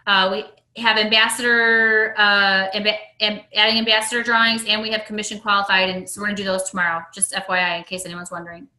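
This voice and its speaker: A woman's voice: mid-range voice, flat delivery, quick pace, few pauses, pushed and bright, echoey room, rough recording. A woman leading a casual team call, chatty and trailing off at the ends of phrases. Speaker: team leader hosting a call.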